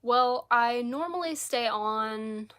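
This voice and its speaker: A woman's voice: on the high side, takes it slowly, fairly bright tone, clean tone. A woman with a scratchy voice chatting casually on a livestream from her living room, rambling with lots of fillers. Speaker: crochet livestreamer. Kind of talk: casual live chat.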